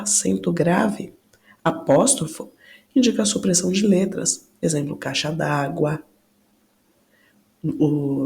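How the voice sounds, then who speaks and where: Brazilian woman teacher, gravelly, mellow tone, deliberate explainer for exam prep. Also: medium pitch. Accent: Brazilian Portuguese. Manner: slow, stresses key words, talks through answers. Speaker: Portuguese teacher.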